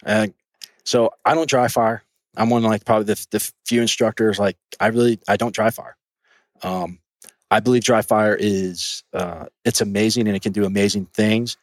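A man with a somewhat low voice talks as a guest on a podcast, earnest and chatty, often repeating words as he restarts. The sound is dry and close to the mic, with no room around it. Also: normal speed, no room sound. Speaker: guest, shooting instructor. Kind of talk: casual podcast conversation.

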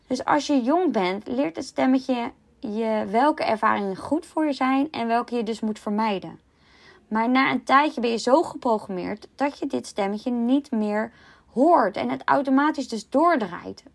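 Woman, life coach, calm explaining podcast talk, slightly high, gravelly. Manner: calm, explanatory, self-mocking asides. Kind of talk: solo podcast monologue.

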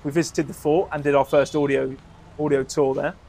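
Male co-host, a touch high, rambling upbeat travel storyteller. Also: flat delivery, brisk, darkish tone, a little hiss or hum. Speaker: podcast co-host.

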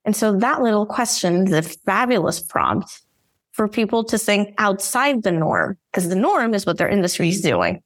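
A woman's voice: medium pitch, very animated, normal speed, no room sound. A woman guest in a casual interview on a video call, talking with enthusiasm and laughing often. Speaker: guest, brand designer. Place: room at home with red cabinet.

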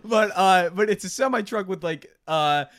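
A young man co-hosting a casual comedy podcast, rambling and animated with lots of fillers. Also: sits high, normal speed. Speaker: podcast co-host.

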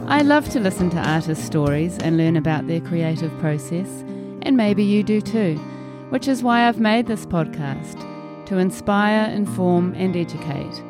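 A woman's voice: fairly low pitch, unhurried, over music. A woman hosting a podcast interview, reading a scripted introduction and then chatting easily with her guest. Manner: warm scripted introduction, then relaxed chat. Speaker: podcast host.

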